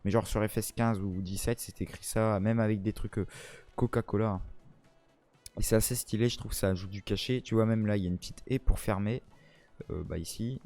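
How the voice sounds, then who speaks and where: Young man from France, gaming host: mellow tone, slangy and excited, calls the viewer his pal. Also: on the low side, a little fast, faint music behind. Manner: slangy, enthusiastic, keeps calling the viewer buddy. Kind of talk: casual gameplay commentary.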